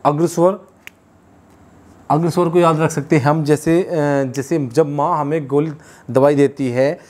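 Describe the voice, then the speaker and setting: A man's voice: on the high side, fairly even intonation, a little slow, a little mellow. A man teaching a lesson, explaining step by step, repeating key terms and correcting himself along the way. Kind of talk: classroom lesson.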